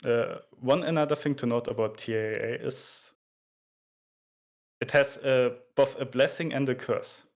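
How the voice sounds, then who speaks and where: Man casually explaining, with halting delivery. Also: mid-range voice, fairly even intonation. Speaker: explainer of video game graphics.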